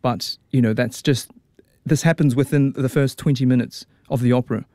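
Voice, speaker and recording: A man's voice: mid-range voice, steady tone, normal speed, dark tone, dry recording, studio quality. A man, an opera tenor chatting as a guest in a casual radio interview, full of fillers and restarts. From New Zealand.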